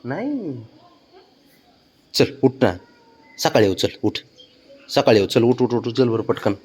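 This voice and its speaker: A man coaxing and pleading with his pet cat in a casual, affectionate pet-talk voice, his calls often rising high and sing-song, recorded outdoors. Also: big pitch swings, a little slow, a little mellow, slightly rough. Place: outdoors below his home.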